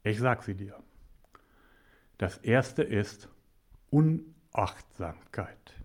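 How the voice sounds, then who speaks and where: Addressing the viewer directly, a mediator and coach gives a motivational talk in a low-side, slightly mellow voice with lively intonation. His pacing is deliberate, and he drops into whispers to stress key points.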